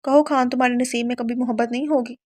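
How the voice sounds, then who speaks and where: A woman's voice: a little high, fairly even intonation, quick pace, a little mellow, no echo, lightly acted. A woman voicing a cruel, domineering young husband in an audiobook novel, speaking in a harsh, commanding tone.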